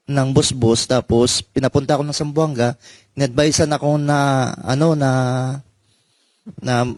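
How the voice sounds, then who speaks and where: A man, a former soldier, telling a personal story in halting speech and saying "sir" at almost every pause. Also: medium pitch, darkish tone, no room sound. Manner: halting, addresses listener as sir constantly. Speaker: former soldier giving testimony. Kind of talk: emotional personal account.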